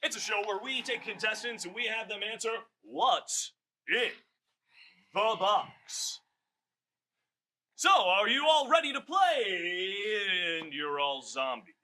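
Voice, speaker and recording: A man playing a loud, excitable game show host who booms his patter like a showman. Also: slow pace, a little hiss or hum, full character voice.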